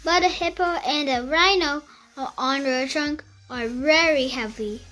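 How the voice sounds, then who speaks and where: A child reading a picture book aloud in a careful, halting beginner's way, with music behind. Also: high-pitched, sharp tone.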